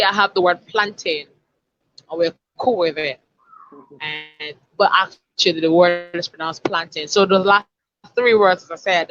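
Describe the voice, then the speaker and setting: A woman's voice: lowish voice, fairly bright tone, lo-fi sound. A woman, a communication expert explaining and demonstrating word sounds in an online lesson over a video call. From Africa.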